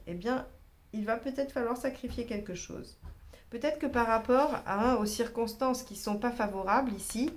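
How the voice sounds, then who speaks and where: A woman giving a tarot reading, talking in a casual, reassuring way and pausing often to find her words. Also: fairly high pitch. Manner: thinking aloud, many fillers, reassuring asides. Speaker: tarot reader.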